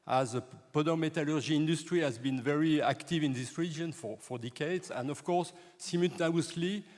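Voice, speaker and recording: Man, formal conference welcome, halting repeats, fairly high voice, long hall reverb. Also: darkish tone. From France. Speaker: conference co-chair, professor.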